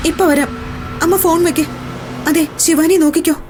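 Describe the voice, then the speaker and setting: A woman's voice: extremely high pitch, steady tone, a little fast. An actress playing a concerned, decisive young woman in a television soap, speaking with urgent questions. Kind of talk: Malayalam television soap drama acting. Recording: loud dramatic music behind.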